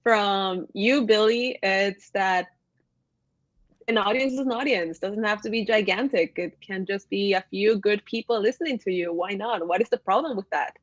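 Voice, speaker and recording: A woman's voice: mid-range voice, moderate pace, no room sound, lo-fi sound. A woman from Ecuador, a graphic designer, chatting as a guest on a video call in a talkative, enthusiastic way. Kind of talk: casual video-call chat.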